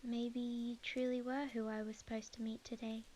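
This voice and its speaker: Voicing a lovestruck young witch, an Australian woman performs an ASMR romance roleplay in a fairly high, natural voice with little pitch movement and a moderate pace. She sounds soft, tender and earnest, hesitating and sometimes dropping to a whisper. A little hiss or hum can be heard.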